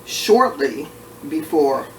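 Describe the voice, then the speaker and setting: A man who is short of breath, talking casually and haltingly with frequent pauses as he recalls family history in an oral history interview. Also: fairly high pitch, big pitch swings, fairly bright tone. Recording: roomy, distant mic, faint background noise.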